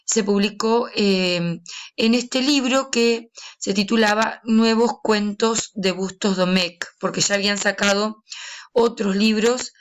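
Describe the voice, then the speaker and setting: Unhurried woman teaching literature. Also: medium pitch, steady tone. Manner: unhurried, explanatory, with hesitations. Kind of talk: recorded lesson reading and commenting a story.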